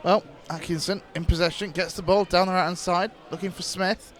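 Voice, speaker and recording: Brisk male football play-by-play caller. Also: high voice, fairly even intonation. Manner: brisk play-by-play, rising to shouts at chances. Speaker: football commentator. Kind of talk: live play-by-play commentary.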